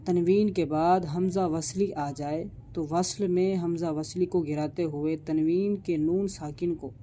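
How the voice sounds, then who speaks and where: Male tajweed teacher: unhurried, warm low tone, patient explainer who lingers on recited examples. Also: a little hiss or hum. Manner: patient, explanatory, stretches out example words when reciting them. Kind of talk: online tajweed lesson.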